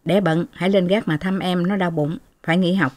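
A woman's voice: lowish voice, steady tone, fairly quick, a little mellow, lightly acted. A woman reading an audiobook voices a caring, fussing elderly mother.

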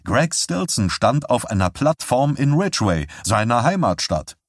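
A man narrating an audiobook in an expressive storytelling reading, on a close studio microphone. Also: mid-range voice, unhurried, husky, no echo.

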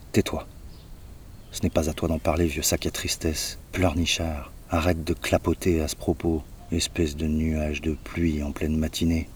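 A man voicing Zarathustra, a joyful old male sage who speaks in a proud, forceful, scolding way. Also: a bass voice, slight background noise.

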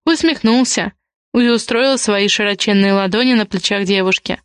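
A woman reading a novel aloud as an audiobook narrator, in steady storytelling. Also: mid-range voice, moderate pace, clean tone, no room sound.

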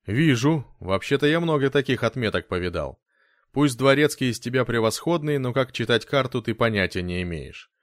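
A man voicing a calm, gentle but firm butler in an audiobook, speaking evenly and with assurance. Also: mid-range voice, moderate pace, dry recording, clean studio sound, lightly acted. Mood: assured.

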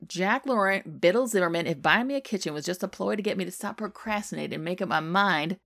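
A woman's voice: lowish voice, expressive, fast talker, gravelly, a bit bright. A woman reading the lines of a playful middle-aged baker who teases his husband. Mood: teasing.

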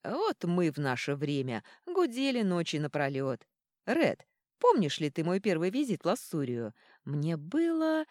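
A woman's voice: lowish voice, wildly swooping pitch, unhurried, darkish tone, no echo, clean studio sound. A woman voicing a jovial, boisterous drunken dwarf king.

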